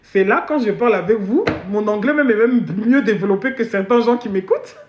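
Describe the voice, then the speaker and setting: A woman's voice: mid-range voice, background noise. Woman bragging on a funny live stream, slips into broken english on purpose, muffled echoey audio. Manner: boastful, switches into deliberately broken English. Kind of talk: comedic live stream chat. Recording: dull echoey room audio.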